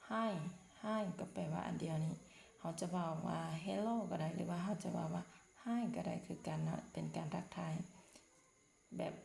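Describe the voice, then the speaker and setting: A woman with a Lao accent teaching English vocabulary to pupils, slowly and patiently repeating each word. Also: fairly low pitch, creaky, dark tone. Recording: echoey room with faint noise.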